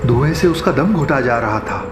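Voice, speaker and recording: A man narrating a horror audio drama in a measured, dramatic storytelling voice. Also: mid-range voice, expressive, loud music behind the voice. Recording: roomy echo.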